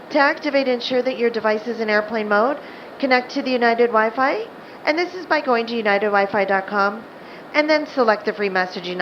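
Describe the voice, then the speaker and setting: A woman giving a plane cabin announcement over the PA loudspeaker, chatty and a little loose with her phrasing. The sound is muffled and lo-fi, with a faint hum of the aircraft cabin behind her. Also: medium pitch. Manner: loose, chatty delivery with added fillers. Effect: cabin public-address loudspeaker. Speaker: flight attendant. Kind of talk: in-flight PA announcement. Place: airplane cabin.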